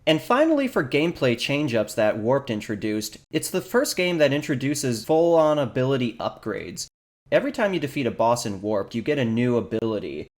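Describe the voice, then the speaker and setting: Man, podcast co-host, casual chat, lively storytelling, mid-range voice. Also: mid-range voice. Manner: lively storytelling, slips into quick silly voices. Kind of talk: casual podcast chat about video games.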